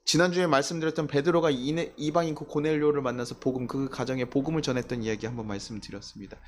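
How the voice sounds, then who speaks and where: A man's voice: mid-range voice, fast talker, slight background noise. A male pastor preaching a Sunday sermon in a church, acting out the voices of people in his stories. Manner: animated, acts out quoted voices of people. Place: church sanctuary.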